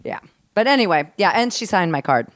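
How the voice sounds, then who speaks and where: A middle-aged woman comic telling stories as a podcast guest at the host's home, animated and acting out quoted lines. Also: fairly quick, no room sound, clean studio sound. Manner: animated storyteller, acts out quotes in a high voice. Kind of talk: casual storytelling chat.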